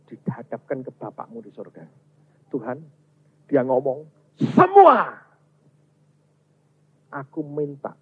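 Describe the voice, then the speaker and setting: A man preaching a sermon as a pastor, emphatic and swinging from loud to soft. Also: mid-range voice, breathy edge. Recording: tinny, phone-like sound.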